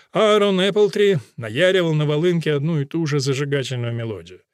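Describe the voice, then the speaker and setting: A man reading an audiobook aloud in measured scripted narration. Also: a little high, no room sound, clean studio sound. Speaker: audiobook reader.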